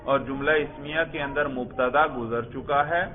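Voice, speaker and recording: A man's voice: medium pitch, fairly even intonation. Man teaching grammar over a tinny line. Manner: drills students step by step and praises answers. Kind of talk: classroom grammar lesson with questions to students. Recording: tinny phone-like sound.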